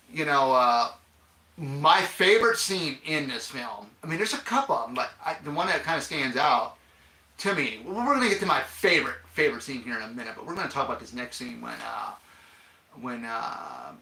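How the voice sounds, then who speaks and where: Rambling man with a gravelly voice. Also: mid-range voice, very animated, moderate pace, sharp tone. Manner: rambling, many fillers and restarts. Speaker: film commentator. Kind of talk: casual chat. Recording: echoey room.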